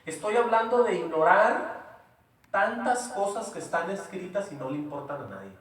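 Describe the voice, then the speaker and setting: A man's voice: high voice, lively intonation, moderate pace, a bit bright. A man preaching a sermon in a church, emphatic and repetitive, often asking rhetorical questions. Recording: very echoey room, voice from far off.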